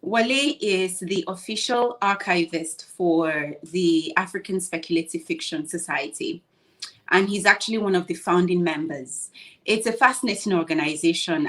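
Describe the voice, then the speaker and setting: A woman co-hosting an online panel, speaking in a measured, thoughtful way with occasional "um" and "you know", over a video call. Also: fairly low pitch. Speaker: co-host. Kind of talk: casual introduction on an online panel.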